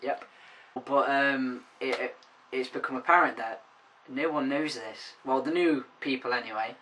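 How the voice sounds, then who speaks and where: A man's voice: medium pitch, fairly even intonation, a little slow, sharp tone, recorded from a distance, low-quality recording. A man chatting in a casual comedy vlog, rambling and joking around. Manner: silly, rambling, jokey. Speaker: vlogger.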